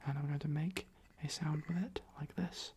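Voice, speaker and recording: Someone in a whispered role-play as a calm, attentive clinic assessor, giving instructions softly and breathily and gently repeating phrases. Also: medium pitch, normal speed, background noise. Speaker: ASMR performer.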